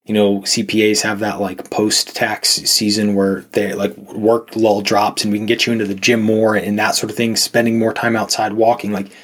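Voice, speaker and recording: A man's voice: fairly low pitch, little pitch movement, normal speed, hardly any pauses. A man, a nutrition coach guest on a podcast, talking casually and rambling with lots of fillers and restarts.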